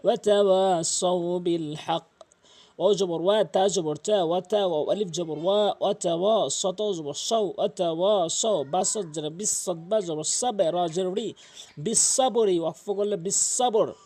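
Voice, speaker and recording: Brief: high-pitched male tajweed teacher, patient syllable-by-syllable drilling. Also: dark tone. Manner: spells out letters and vowel marks slowly, repeats syllables. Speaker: Quran recitation teacher. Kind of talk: step-by-step tajweed lesson.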